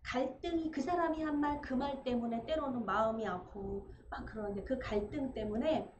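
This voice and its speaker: Animated woman preaching in an echoey church. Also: a little high, normal speed. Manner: animated preaching, acts out quoted dialogue. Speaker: pastor. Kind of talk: sermon. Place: church sanctuary. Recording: echoey church room, dull sound, faint noise.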